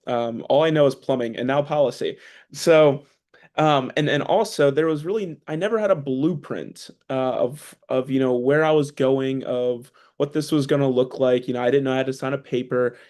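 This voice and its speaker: A man's voice: medium pitch, moderate pace, darkish tone. A young man in his twenties from a policy group, telling a casual, self-deprecating story of his first testimony. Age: 20s. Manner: chatty, self-deprecating, many fillers and restarts. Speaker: policy staff speaker. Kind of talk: casual personal account.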